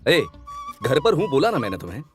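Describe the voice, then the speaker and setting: An actor playing a brooding, guilt-ridden young husband in a Hindi film dub. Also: male voice, a little high, huge pitch swings, a little fast, soft background music.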